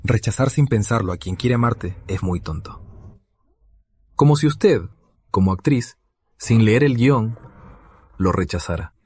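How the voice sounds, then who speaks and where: A man's voice: fairly low pitch, lively intonation, unhurried, long pauses, a little mellow, slightly rough, dry recording. An actor playing a man who earnestly and formally tries to persuade a young woman. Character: persuasive man pleading for a friend. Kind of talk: dubbed drama dialogue.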